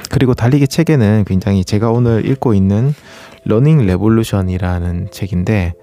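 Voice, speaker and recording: A man's voice: on the low side, moderate pace, warm tone. A man hosting a running talk, speaking casually and politely as he explains things to listeners and puts questions to them. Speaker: running channel host.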